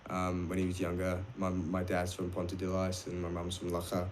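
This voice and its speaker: Low-voiced young man, Australian accent. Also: monotone, a little fast, a little hiss or hum. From Wales. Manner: rambling, restarts a lot, says um often. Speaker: music producer guest. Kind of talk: casual chat.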